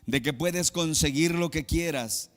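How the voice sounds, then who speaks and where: A male pastor from Mexico preaching a sermon, moving between loud emphatic exclamations and quiet low asides. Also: measured pace, in a large hall.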